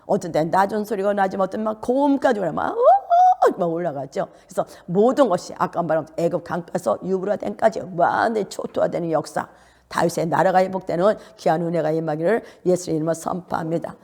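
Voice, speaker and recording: A middle-aged woman pastor preaching a sermon, often asking her listeners rhetorical questions and jumping up into high notes to make a point. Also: quick pace, vocal fry, darkish tone. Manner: rhetorical questions to the congregation, sudden jumps to high pitch.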